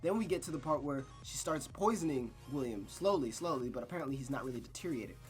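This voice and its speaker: A fast-talking man with an expressive, medium-pitched voice streams a visual novel over soft background music. He swings between narration and casual, profane recaps, using slang, exclamations, and emphatic repetition.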